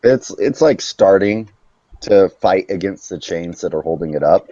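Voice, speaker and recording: Deep-voiced man running a tabletop game. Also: expressive, moderate pace, dark tone, dull audio, a little hiss or hum. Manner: casual, exclaims at bad rolls. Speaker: game master.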